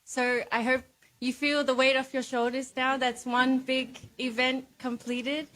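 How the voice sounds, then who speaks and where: Poised, high-voiced woman hosting a pageant. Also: flat delivery, unhurried, fairly bright tone. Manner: poised, earnest pageant-style speaking. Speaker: pageant host. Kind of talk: live event hosting, addressing contestants and audience. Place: live stage event before an audience.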